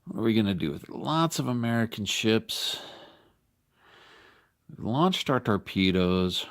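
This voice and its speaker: A middle-aged man from Denver casually talking through a tabletop wargame playthrough, thinking aloud in a relaxed, rambling way. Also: fairly low pitch, gravelly. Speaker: board game video host.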